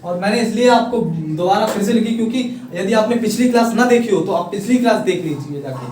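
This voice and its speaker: Male teacher, high voice, recorded from afar, drills letters out loud and asks whether the class is following. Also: fast, a little hiss or hum. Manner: repetitive, drills letters aloud, checks on students. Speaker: English teacher. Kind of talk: classroom lesson explaining spelling. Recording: far-off echoey room with faint ambience.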